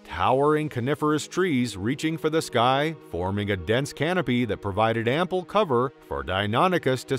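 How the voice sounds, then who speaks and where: Nature documentary narrator, male, mid-pitched and lively, dramatic storyteller, light music underneath. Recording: music behind the voice. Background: background music.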